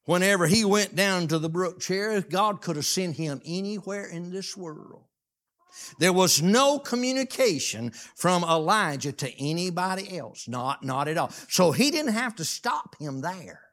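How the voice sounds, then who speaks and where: A man preaching a folksy, plainspoken sermon, reading scripture aloud and stressing words with drawn-out emphasis. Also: high voice, sing-song, a bit bright.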